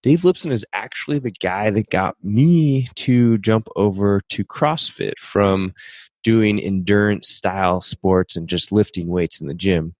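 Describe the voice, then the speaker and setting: A man's voice: lowish voice, measured pace, darkish tone, no echo. A man hosting a podcast interview, upbeat and friendly, often saying "man". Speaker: podcast host.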